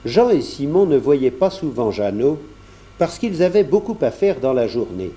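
A man reading a novel aloud as narrator, in a measured storytelling manner. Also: mid-range voice, sing-song, warm tone. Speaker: audiobook narrator. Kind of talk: scripted narration.

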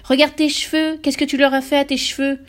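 A shrieking, sharp-tongued mother, vain and bossy, who scolds her husband without letup, put on by a woman reading an audiobook. The voice sits high and loud, well above the reader's usual tone, with biting, insulting words. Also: a little fast, close to an everyday voice.

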